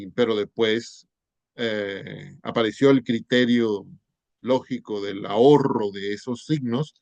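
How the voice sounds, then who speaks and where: A man's voice: medium pitch, gravelly, no echo. A middle-aged man giving a university lecture on spelling, explaining step by step and checking in with rhetorical questions. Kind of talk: class lecture on spelling rules.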